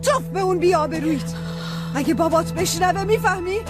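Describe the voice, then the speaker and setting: A woman's voice: extremely high pitch, over loud music. A woman playing a furious shamed mother. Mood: raging. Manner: scolding, shouting curses. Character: furious shamed mother scolding her daughter. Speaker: angry mother. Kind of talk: dubbed TV drama.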